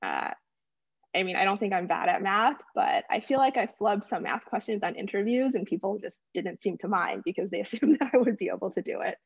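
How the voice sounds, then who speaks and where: A young woman speaking as a panel guest, thoughtful and measured, with some filler words. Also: medium pitch, gravelly, breathy edge, dry recording, muffled recording. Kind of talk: reflective panel discussion.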